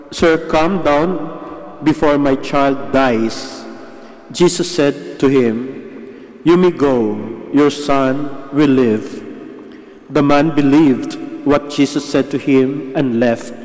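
A man with a Filipino accent, a priest proclaiming the gospel slowly and deliberately, heard with cathedral echo. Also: on the high side, darkish tone. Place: large basilica. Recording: long reverb of a large church.

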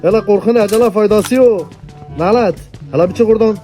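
A man's voice: sits high, fast, warm tone, soft background music. A man chatting casually with friends over a headset while gaming, joking and teasing. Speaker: streamer.

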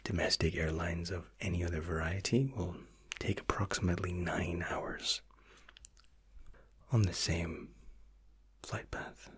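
Whispered role-play: man as formal, reassuring flight attendant, low-pitched, unhurried, close-miked. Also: steady tone, husky, heavily acted. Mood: soothing, attentive. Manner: flight attendant's formal, soothing service patter.

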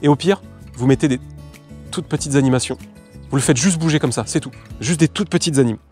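A young man gives a casual fishing lure demo outdoors, talking in quick, loose explanations full of fillers. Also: on the high side, darkish tone, soft background music. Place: outdoors by the water.

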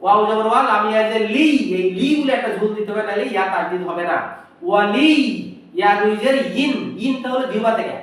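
A man teaching Quran pronunciation, spelling out each letter and vowel, then repeating the words slowly, sometimes in a chant. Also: sits high, a bit bright, very echoey, distant mic, low-quality recording. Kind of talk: step-by-step pronunciation lesson.

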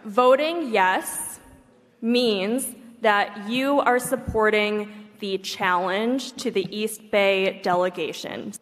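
A woman in her thirties chairing a large convention from a podium microphone, brisk and directive. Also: medium pitch. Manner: brisk, directive, quick to answer. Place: large hotel convention hall. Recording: echoey large hall.

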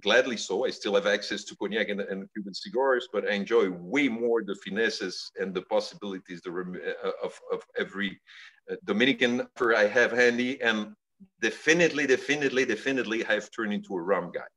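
A middle-aged man from Belgium, a guest telling stories in a relaxed way over a video call from his home study. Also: fairly low pitch, fairly quick, low-quality recording. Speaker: guest, cigar company executive.

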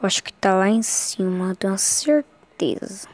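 A woman's voice: medium pitch, expressive, moderate pace, darkish tone. A Brazilian woman giving casual, scared and anxious commentary while playing a horror game, often repeating short phrases. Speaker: gaming streamer.

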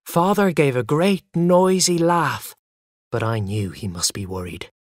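A narrator telling a first-person story for English learners in a lively way. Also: medium pitch, measured pace, dry recording.

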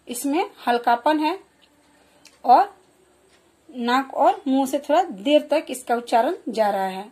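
Woman, high husky voice, patient primary-school lesson delivery. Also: a little mellow. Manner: slow, clear explaining with repeated example words. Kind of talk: children's Hindi lesson.

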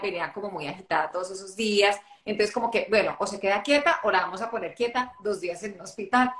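A woman's voice: medium pitch, a bit bright. A woman who is a guest in a conversation, telling a personal story and acting out the dialogue within it. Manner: narrates with acted-out dialogue. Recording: echoey room.

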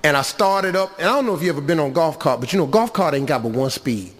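A middle-aged man doing stand-up comedy, telling a story in an animated, loud, rambling way. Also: fairly high pitch, fast talker, in a large hall. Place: comedy club stage.

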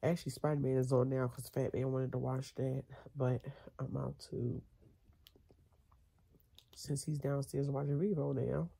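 Reclining in her bedroom, an American vlogger in her thirties chats to the camera as she recovers from nose surgery with a headache. Her voice is rumbling and low, warm yet flat in delivery, thick with congestion and nasal, and her talk is tired and halting. The close-range home camera or phone picks up clear background noise.

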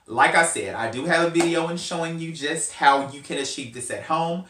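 A man's voice: on the high side, normal speed, fairly bright tone. A man, chatting casually as a hair stylist vlogger, rambling with playful asides. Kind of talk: casual hair tutorial chat. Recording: roomy with faint hum.

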